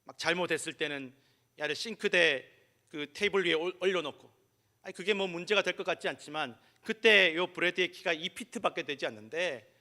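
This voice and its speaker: Middle-aged male pastor, bright and a bit high voice, animated sermon storyteller who acts out quotes. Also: brisk.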